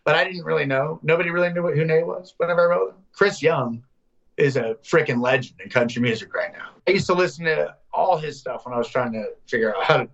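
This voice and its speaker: A man in his thirties, a songwriter guest, telling casual, animated stories in an interview. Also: on the high side, vocal fry, highs cut off. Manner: animated, loose storyteller, slips into quick voices.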